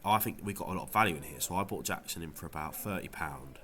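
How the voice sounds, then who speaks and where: Nursing a cold that makes him sound nasal, a fantasy football video creator casually reviews his week in a vlog. His voice is deep, bright and forceful, and he talks fast, rambling a bit with many ums and restarts.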